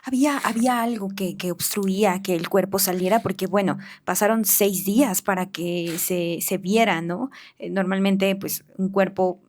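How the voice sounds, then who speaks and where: A woman's voice: medium pitch, moderate pace, hardly any pauses, darkish tone. A woman interviewing a guest, asking careful, probing questions.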